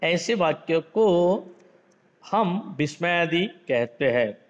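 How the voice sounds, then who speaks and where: A man teaching a grammar lesson, explaining slowly with examples, mixing in English words, addressing the class as friends, and lifting his voice to act out the example sentences. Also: fairly high pitch, animated. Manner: reads example sentences in a lifted, acted voice. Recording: dull lo-fi sound in a reverberant room.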